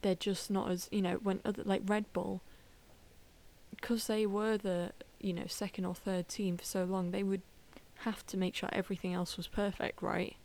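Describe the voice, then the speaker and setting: A woman's voice: mid-range voice, flat delivery, moderate pace, a little mellow. A woman co-hosting a chatty podcast, laughing often and trailing off mid-sentence. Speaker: podcast co-host. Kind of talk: casual chat.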